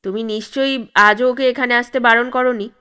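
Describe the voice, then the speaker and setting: A woman's voice: on the high side, steady tone, moderate pace, bright, forceful tone, clear, resonant tone. A woman voicing an angry, suspicious husband who scolds his wife in a raised, accusing voice. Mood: angry scolding.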